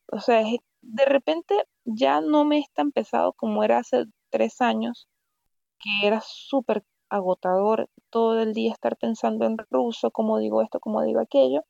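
A woman from Venezuela with a Venezuelan accent, chatting casually as a guest and telling stories with lively asides. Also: fairly high pitch, gravelly, dry recording, highs cut off. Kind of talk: casual conversation.

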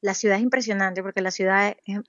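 A woman's voice: medium pitch, fairly even intonation, a bit bright, no echo. Woman, dry, muffled line. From Venezuela. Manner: thoughtful, many fillers and restarts, slows to stress points. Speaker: pediatric cardiologist guest. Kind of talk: interview, recounting experiences.

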